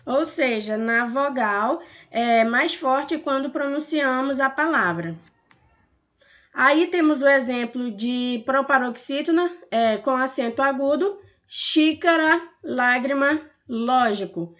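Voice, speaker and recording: A woman with a Brazilian Portuguese accent teaches a recorded lesson in a high, light voice. She speaks slowly and patiently, filling gaps with small hesitations and checking in with her students. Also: expressive, a bit bright. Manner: slow explaining with many "é" fillers and "tá?" checks.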